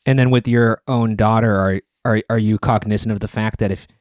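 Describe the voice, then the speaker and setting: A man's voice: fairly low pitch, fairly even intonation, a little fast, a little mellow, no echo, clean studio sound. A man co-hosting a podcast, playfully asking his guest follow-up questions. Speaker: podcast co-host. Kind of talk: casual chat.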